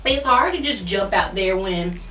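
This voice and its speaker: A woman's voice: medium pitch, expressive, normal speed, pushed and bright. A woman in casual conversation, chewing while talking. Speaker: mukbang co-host. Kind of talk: casual chat. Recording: echoey room, distant mic, faint music.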